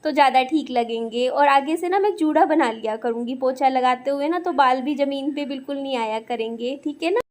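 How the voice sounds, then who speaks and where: Chatty high-voiced young woman vlogging. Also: a little fast, few pauses. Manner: chatty, rambling, lots of fillers. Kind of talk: casual vlog narration.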